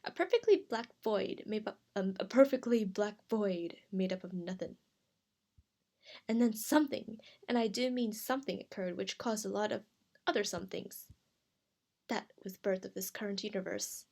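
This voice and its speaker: A woman voicing a creepy demon in a witch's head, slow, low and dramatic. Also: vocal fry, a little mellow. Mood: grand.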